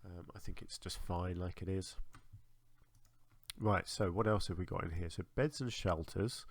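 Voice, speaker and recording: A man's voice: low voice, moderate pace, husky, dry recording. A man with a blocked, congested nose, chatting casually to himself as he builds in a game. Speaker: gaming video host. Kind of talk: casual gameplay commentary.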